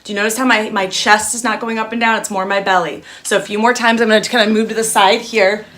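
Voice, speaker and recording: A woman's voice: mid-range voice, steady tone, quick pace, a bit bright. A woman leading a casual live-stream breathing lesson as a yoga instructor, chatty and encouraging as she speaks straight to her viewers. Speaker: yoga instructor and wellness coach.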